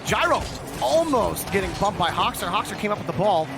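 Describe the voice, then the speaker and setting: A man's voice: high voice, sing-song, brisk, vocal fry, music in the background. A man doing esports play-by-play commentary as a caster, calling the action in clipped phrases.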